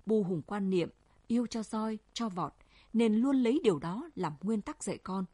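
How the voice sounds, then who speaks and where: A woman with a husky voice, narrating a story in an even storytelling manner. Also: medium pitch, normal speed, no echo. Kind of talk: audiobook story reading.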